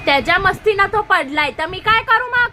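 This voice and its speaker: A woman's voice: very high-pitched, animated, a little fast, sharp tone, slight background noise. A woman with a Marathi accent playing an aunt in a family comedy sketch, scolding and arguing sharply.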